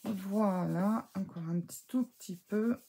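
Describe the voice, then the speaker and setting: A woman's voice: mid-range voice, a little slow, creaky, mellow, a little hiss or hum. A woman chatting through a casual craft tutorial as she works, hesitant and full of fillers, often correcting and teasing herself. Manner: talks while working with her hands, self-mocking. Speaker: scrapbooking crafter.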